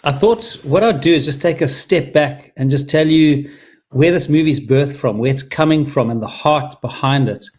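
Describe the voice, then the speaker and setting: A man's voice: on the high side, normal speed, darkish tone. A middle-aged man from Zimbabwe, a filmmaker speaking earnestly and enthusiastically to an audience, with many restarts. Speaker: filmmaker presenting his film. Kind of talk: earnest personal talk to an audience.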